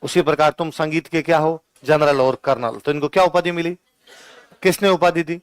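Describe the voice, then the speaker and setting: A male teacher with a Rajasthani Hindi accent, pitched a little high, gives an exam-prep lecture. He fires off questions and answers them himself, then slows down to dictate notes line by line. His voice is clear and resonant in a dry, close recording. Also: dry recording. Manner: dictates notes slowly, repeating each line.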